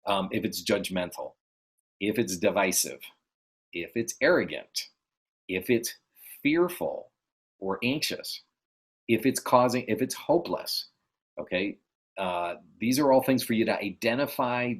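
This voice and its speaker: A man's voice: on the low side, animated, a little slow, long pauses, husky. A man giving earnest, encouraging motivational advice as a life coach, repeating his key phrases. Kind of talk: motivational podcast talk. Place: New York City.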